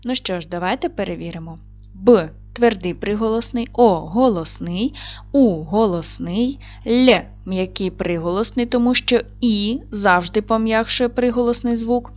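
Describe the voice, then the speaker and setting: A woman primary school teacher with a Ukrainian accent, giving a recorded video lesson to children in a clear, patient, instructive way. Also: medium pitch, moderate pace, a little mellow, faint music behind.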